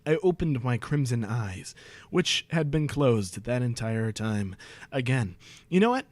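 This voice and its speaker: A man's voice: mid-range voice, slow pace, no echo. A young man streaming a comedic reading of fan fiction, breaking off into sarcastic, exasperated, profane asides.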